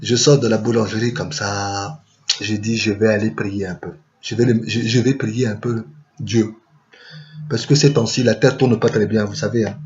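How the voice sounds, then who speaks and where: A man's voice: on the low side, fairly even intonation, moderate pace, a little mellow, highs cut off, a little hiss or hum. A man telling a rambling comic story, full of chatty asides and word-play.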